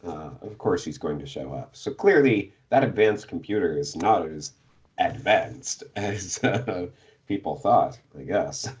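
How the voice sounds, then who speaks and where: Sitting low in pitch, this man sounds animated yet a little slow and slightly mellow. He's co-hosting a podcast and summing up a book's plot conversationally, hesitating with lots of fillers and small laughs.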